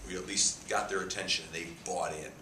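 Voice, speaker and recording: A man's voice: sits low, fairly even intonation, fairly quick. A man in his fifties, a head football coach answering at a press conference, emphatic, repeating words and gesturing. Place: press room with a sponsor backdrop. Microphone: table mic cluster. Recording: echoey room, faint hiss.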